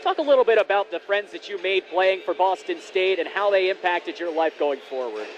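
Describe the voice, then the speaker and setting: A man's voice: high-pitched, expressive, a little fast, highs cut off. A man working as a hockey announcer and interviewer, with a polished, formal live broadcast delivery. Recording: noisy live rink broadcast.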